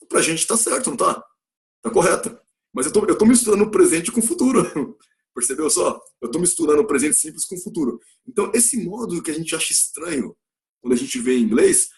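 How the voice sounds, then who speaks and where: A Brazilian man teaching an English lesson, with a voice a touch higher than most men's. He explains patiently, repeats key phrases, keeps asking his listeners rhetorical questions, and voices example sentences in a lifted tone. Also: creaky. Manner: acts out example sentences with a raised pitch. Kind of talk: recorded classroom lesson.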